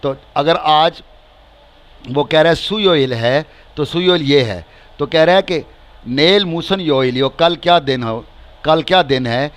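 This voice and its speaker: A man with a Pakistani accent and a slightly high voice teaches a beginner language class. He speaks slowly and patiently, stretching out each word and repeating phrases alongside their translations.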